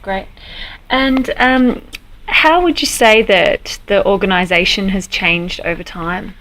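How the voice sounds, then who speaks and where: A woman presenting and interviewing, who introduces the segment and gives frequent soft murmurs of agreement. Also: mid-range voice, slow, low-quality recording.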